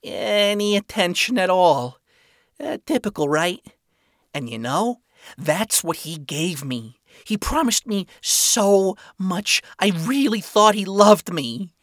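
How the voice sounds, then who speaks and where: Man putting on a higher, drawling, jaded male demon, slangy and profane, dry close sound. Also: expressive, takes it slowly, fairly bright tone, dry recording, full character voice. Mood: bitter. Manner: slangy, swearing, world-weary. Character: weary flamboyant male spider demon. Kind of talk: fan fiction reading.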